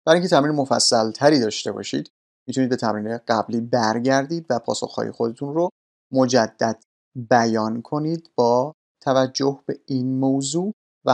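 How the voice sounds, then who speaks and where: A man's voice: medium pitch, vocal fry, darkish tone. A man teaching English grammar, explaining patiently and politely, step by step. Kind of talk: explaining grammar lesson in Persian.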